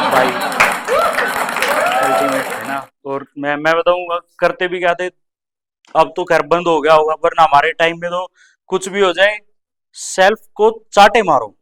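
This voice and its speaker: A young man on a comedy stage tells school stories, jumping into quick voices for teachers and classmates. His voice sits a little high for a man and comes through smooth and clear on a handheld mic. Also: fairly bright tone. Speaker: stand-up comedian. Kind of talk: stand-up comedy storytelling.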